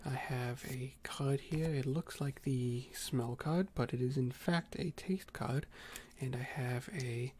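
A man murmurs close to the microphone in a whispered role-play as a gentle doctor. His voice is mellow and hushed, and he pauses often with small fillers. He gives each instruction slowly and calmly. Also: mid-range voice, slight background noise. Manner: soft-spoken, slow and gentle, with frequent hesitant fillers. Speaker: doctor giving a cranial nerve exam.

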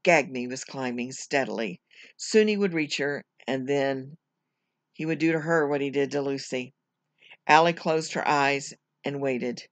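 A teacher reading a children's chapter book aloud at home, measured and careful, now and then correcting a slipped word. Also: mid-range voice, no room sound. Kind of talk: storybook read-aloud.

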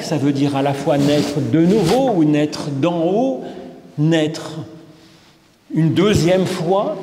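A man in his fifties with a Swiss French accent, preaching a measured, explanatory sermon from a pulpit microphone in a large church. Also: a little high, mellow. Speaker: pastor. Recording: echoey church from a distance.

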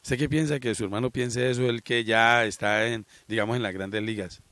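A man's voice: mid-range voice, fairly even intonation, normal speed, fairly bright tone. A middle-aged man, a local TV reporter interviewing outdoors with a handheld mic, earnest and moralizing. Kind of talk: TV interview and commentary. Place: outdoors by a sports ground.

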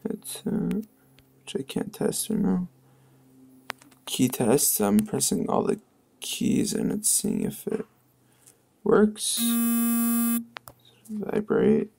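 Hosting a tech channel, a man talks offhandedly through a casual phone tutorial while tapping through screens and tests. His mid-range voice is gravelly, mellow and husky, swooping wildly in pitch as he takes it slowly with long pauses.

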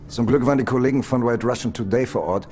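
Smug conspiracy show host played by a man, mid pitch, dark mellow tone, insinuating, film comedy. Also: quick pace, faint music behind, close to an everyday voice.

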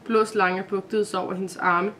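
A woman's voice: mid-range voice, slight background noise. Woman reading a children's story. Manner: steady reading with small self-corrections.

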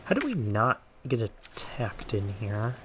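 A man's voice: on the low side, very animated, unhurried, fairly bright tone, slight background noise. A man giving casual let's play commentary on a video game, thinking aloud with muttered asides as he goes. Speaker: gaming let's play host.

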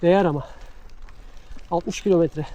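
A man's voice: fairly high pitch, moderate pace, warm tone, muffled recording. A man on a bicycle, chatting to viewers about the road as he climbs, a bit out of breath. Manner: chatty, talks to viewers and to a dog while riding. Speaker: cyclist vlogger. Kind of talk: casual narration while cycling. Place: outdoors on a country road.

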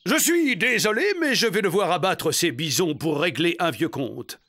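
An actor playing a boastful, theatrical Wild West showman and bison hunter in a French animated cartoon, with grandiose delivery. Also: fairly high pitch, normal speed. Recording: loud music behind the voice.

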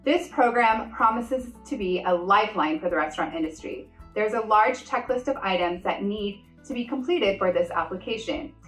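A middle-aged woman gives a scripted business explainer to camera, clear and measured as she works through a numbered list. She is recorded in an office with a roomy sound, sitting a little back from the mic. Faint music plays underneath. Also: medium pitch, a bit bright, far from the mic. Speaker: company executive presenting a business update. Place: indoor office with a wood counter.

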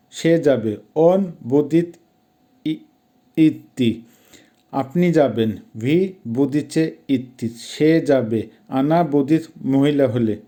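A man from Bangladesh, teaching a language lesson slowly and patiently and repeating each word for practice. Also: mid-range voice, mellow.

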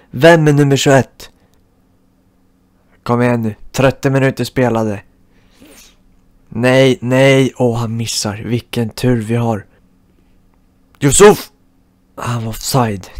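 A man giving live commentary over his football video game, cheering his team and groaning at misses. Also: medium pitch. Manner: excitable, shouts at goals, groans at misses. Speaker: gaming channel host.

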